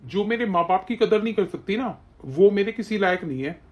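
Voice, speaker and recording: A woman voicing a hot-tempered young husband and son in an animated story, harsh and commanding. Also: medium pitch, a little fast, lightly acted. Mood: furious.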